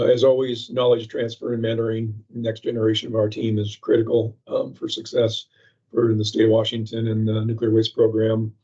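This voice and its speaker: A man presenting a slide update at a public meeting over a patchy remote microphone that sounds muffled, as if heard through a wall, speaking in halting bursts with many fillers. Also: lowish voice, mellow, breathy edge. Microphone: remote call microphone with a patchy connection. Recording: muffled, dull remote call audio.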